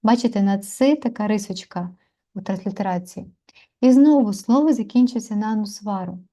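A woman gives a pronunciation lesson in a mellow, relaxed voice. She breaks words into syllables and repeats each one slowly and carefully, pausing between them. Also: mid-range voice. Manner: slow, careful repetition of syllables with pauses. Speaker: Sanskrit pronunciation teacher. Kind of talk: online lesson, explaining and demonstrating sounds.

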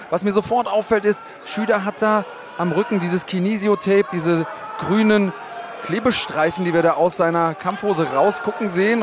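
A man with a high-pitched voice gives live, analytical fight commentary as the expert. He explains things point by point, speaking up over a loud crowd and arena noise.

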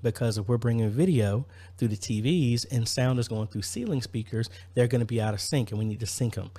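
A brisk, warm, mid-range male voice belongs to a church audio-video installer and vlogger in his thirties. He talks informally and practically, thinking aloud as he explains an installation in casual vlog fashion.

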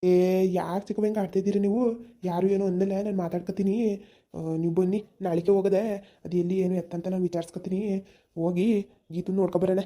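A woman's voice: fairly low pitch, little pitch movement, fast talker, pauses often, dark tone, lightly acted. A woman voicing a kind young village man in a cartoon, insistent and reassuring. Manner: insistent, reassuring, talks over worries. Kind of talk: cartoon voice acting.

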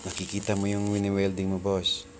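A man's voice: low-pitched, completely flat delivery, fairly quick, a little hiss or hum. A man with a Filipino accent demonstrating gear while speaking through a welding helmet, talking casually and calling the viewer "boss". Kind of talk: casual product unboxing and demo.

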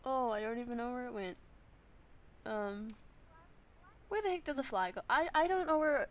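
High, giggly young New woman gamer. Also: normal speed, slight background noise. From New Zealand. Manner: chatty, giggly, excitable. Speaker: gaming channel host. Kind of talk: casual let's-play commentary.

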